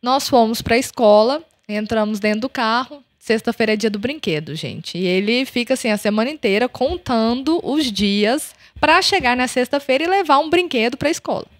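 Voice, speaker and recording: Animated Brazilian woman telling a story. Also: fairly high pitch, normal speed, hardly any pauses. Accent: Brazilian Portuguese. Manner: animated, acts out the dialogue of her story. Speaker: podcast host. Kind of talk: personal storytelling on a podcast.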